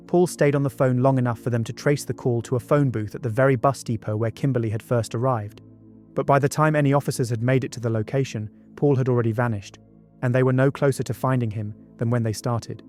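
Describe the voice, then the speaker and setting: This man's mid-range, slightly mellow voice carries a scripted true-crime documentary, with casual asides sprinkled through. Background music plays behind him.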